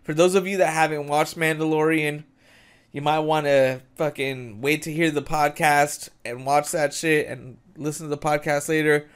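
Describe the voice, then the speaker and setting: A man co-hosting a relaxed podcast, his voice sitting a little high. He talks loosely, dropping swear words and calling his friend dude and bro. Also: smooth. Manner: laid-back, swears a lot, says dude and bro. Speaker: podcast co-host. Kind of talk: casual chat.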